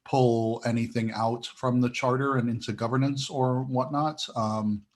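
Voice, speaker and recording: A man's voice: medium pitch, steady tone, measured pace. A man giving an update in an online meeting, hesitant, with many fillers and restarts. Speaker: committee member.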